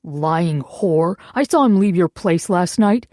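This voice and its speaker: A woman's voice: fairly low pitch, lively intonation, slow, warm tone, no echo, studio quality. A woman voicing a crude, desperate male ex-husband who snarls his demands, in an audiobook. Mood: snarling.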